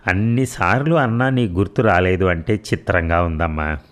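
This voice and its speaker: A man's voice: sits low, moderate pace, lightly acted. A man reading a storybook voicing a young new mother, a teasing and affectionate daughter who talks playfully to her mother. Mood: tender. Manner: playful, teasing, then tender.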